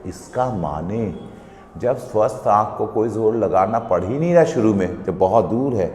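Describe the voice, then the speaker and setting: A man's voice: fairly low pitch, lively intonation, unhurried, darkish tone. A male teacher giving a physics lesson in a classroom, explaining step by step and often asking students questions. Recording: echoey room, long reverb.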